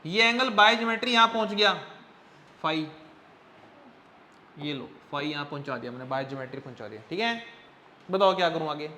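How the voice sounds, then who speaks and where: A man teaching a physics class, quizzing his students constantly in a coaxing, brisk way. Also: a little high, animated, pushed and bright. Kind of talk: classroom lecture.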